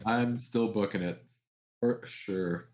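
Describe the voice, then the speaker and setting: A man's voice: on the low side, slow, darkish tone. A man as a jokey player in a tabletop game. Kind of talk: casual tabletop play.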